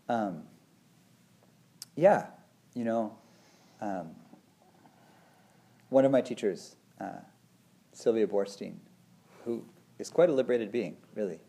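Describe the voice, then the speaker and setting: A meditation teacher in his forties chats casually in a thoughtful, meandering way, his speech full of "you know" and "like." His voice is lowish and warm, with some vocal fry.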